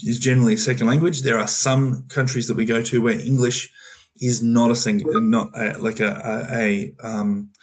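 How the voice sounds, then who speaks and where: On a community video call, an Australian program manager casually walks through an opportunity, stumbling over fillers and starting sentences again. He speaks at a moderate pace in a mid-range, level tone.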